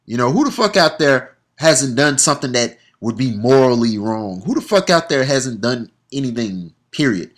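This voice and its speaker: Male sports vlogger, bright sharp voice, blunt and heated, swears freely. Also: mid-range voice, big pitch swings, moderate pace, few pauses. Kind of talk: opinionated casual monologue.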